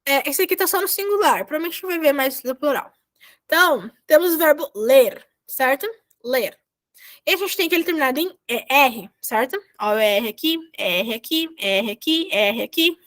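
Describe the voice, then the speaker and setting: High-voiced woman teaching Spanish verbs. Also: lively intonation, moderate pace, fairly bright tone. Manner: patient, repetitive step-by-step explaining. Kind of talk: online class explanation. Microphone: video call.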